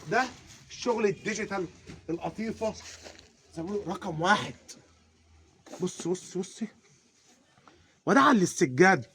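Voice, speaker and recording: A man with an Egyptian accent giving an energetic carpet sales pitch, repeatedly urging viewers to look. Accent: Egyptian Arabic. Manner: repeats urgent calls to look, hawking patter. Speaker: carpet seller. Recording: noisy background.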